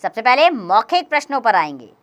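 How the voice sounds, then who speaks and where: A woman teaching a grammar lesson for young children, explaining slowly and clearly, step by step. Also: on the high side, sing-song, fairly bright tone.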